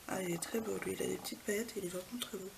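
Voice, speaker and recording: A woman beauty vlogger, soft-spoken, walking through makeup swatches in a casual way at home and often dropping to a near whisper. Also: medium pitch, steady tone, fast, vocal fry, noisy background. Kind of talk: casual product swatch walkthrough. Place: home apartment.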